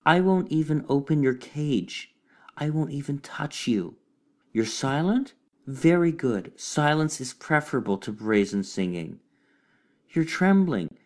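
A man's voice: a little high, lively intonation, measured pace, pitched above the performer's own voice. Man reading as a sweet-voiced, preachy hypocrite cat, she-cat, pious. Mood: cooing. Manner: sweetly preachy, soft and cooing. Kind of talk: storybook reading.

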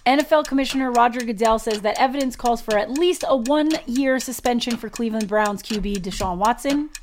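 A woman co-hosting a casual sports chat, teasing and quick to laugh. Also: a little high, slight background noise. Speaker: podcast co-host.

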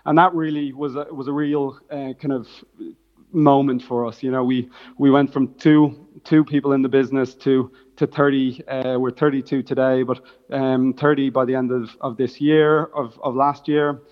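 Even-toned Dublin man explaining his business. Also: medium pitch, normal speed, dull audio. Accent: Dublin Irish. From Dublin, Ireland. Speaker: startup founder, interview guest. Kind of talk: conversational business interview answers.

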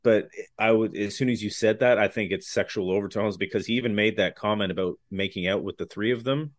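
A man's voice: fairly low pitch, brisk, dry recording, studio quality. A man on a casual podcast, talking bluntly and with profanity, now and then acting out lines as he retells scenes. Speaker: podcast panelist.

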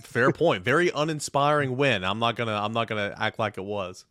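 A man's voice: mid-range voice, a little fast, fairly bright tone. A man giving casual sports commentary as a podcast panelist.

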